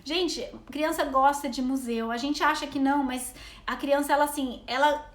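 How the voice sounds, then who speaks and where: Talking at a normal pace in a steady, high-pitched voice, this Brazilian Portuguese speaker hosts a meandering live stream. She's in her thirties, a travel vlogger and mom, chatting away and reading viewer comments aloud in a roomy-sounding space.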